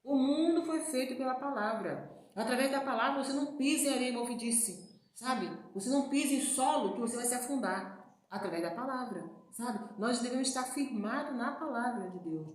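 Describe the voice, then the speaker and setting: A woman's voice: fairly high pitch, brisk. A woman preaching in a casual, chatty way, often turning to her listeners with "né" and "gente". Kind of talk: informal sermon. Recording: very echoey room with faint noise.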